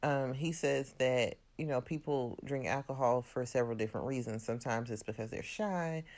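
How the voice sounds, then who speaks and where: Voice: medium pitch, normal speed, a little mellow. A chatty recap host retelling a reality TV episode in a casual, opinionated way, full of "like" and "you know". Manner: loose, conversational with frequent "like" and "you know".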